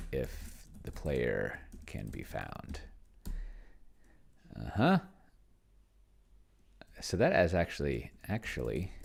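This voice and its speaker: A man with a rumbling, low, gravelly voice demonstrates a tabletop role-playing game solo. He thinks aloud casually in rambling commentary, sometimes muttering to himself and reading aloud as he types.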